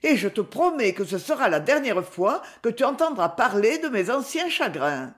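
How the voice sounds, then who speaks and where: A woman's voice: on the high side, very animated, normal speed. A woman reading an audiobook, voicing a proud, desperate young woman who pleads with her rich father. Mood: coaxing. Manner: pleading, raised and emotional.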